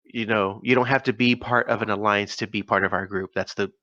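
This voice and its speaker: Low-voiced man in casual podcast chat. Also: fairly even intonation, fairly quick, pushed and bright, no room sound, highs cut off. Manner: rambling, laughs often, many fillers and restarts. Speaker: podcast co-host.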